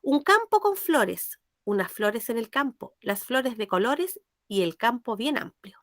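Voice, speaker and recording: A woman's voice: fairly high pitch, very animated, measured pace, a bit bright, dry recording. A woman teaches a language lesson. She asks questions and checks that her pupils follow. Her voice sounds close and dry, with no room around it. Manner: patient, questioning, checks understanding.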